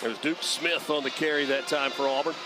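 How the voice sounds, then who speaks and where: A man calling a football game as play-by-play announcer, brisk and rising sharply on big plays. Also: mid-range voice, fairly even intonation, music in the background. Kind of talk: live sports commentary.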